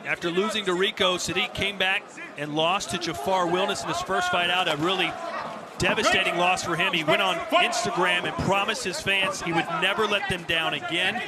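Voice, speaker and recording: A man's voice: high-pitched, normal speed. A man doing live kickboxing play-by-play commentary with a dramatic, storytelling delivery. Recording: loud arena crowd noise behind. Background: roaring crowd in an arena.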